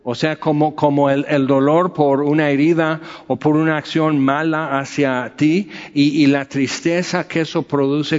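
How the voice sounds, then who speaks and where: A man teaching from the Bible in a casual, joking way, full of fillers and asides. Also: mid-range voice. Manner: conversational, joking, with many fillers. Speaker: preacher. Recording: dull sound with long reverb.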